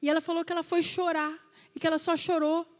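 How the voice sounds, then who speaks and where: A woman pastor preaching a sermon in an animated storytelling way, speaking straight to the congregation. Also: very high-pitched, quick pace, long reverb tail. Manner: acts out quoted voices in her stories.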